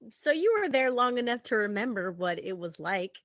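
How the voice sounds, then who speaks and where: A woman's voice: fairly high pitch, very animated, moderate pace, a crowd in the background. A woman hosting a podcast, asking follow-up questions between brief murmured acknowledgements. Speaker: podcast host. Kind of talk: interview questions.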